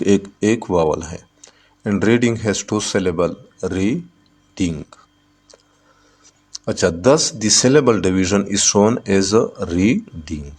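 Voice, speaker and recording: A man's voice: low-pitched, darkish tone. A man teaching a textbook lesson. He reads English lines and then explains them in Urdu, repeating words as he counts syllables.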